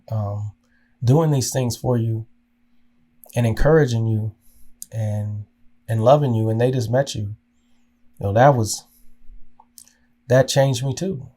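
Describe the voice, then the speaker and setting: A man hosts a podcast, telling his own story with earnest, emotional reflection. He often stops and restarts his sentences, repeating words as he searches for them. His voice sits at a middle pitch. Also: mellow. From Oklahoma. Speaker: podcast host.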